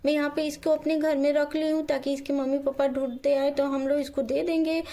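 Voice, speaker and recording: A kind, worried young housewife who coaxes and soothes and thinks out loud, as a woman puts her on. She speaks in a very high, gentle voice for a doll storybook video. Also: flat delivery, a little fast. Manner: coaxing, talks to herself aloud.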